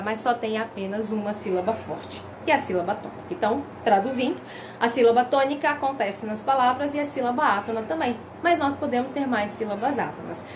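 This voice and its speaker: A woman teaching a grammar lesson. She is lively and emphatic, drags out her example words and keeps asking the viewer questions. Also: high voice, slight background noise, low-quality recording. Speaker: Portuguese language teacher.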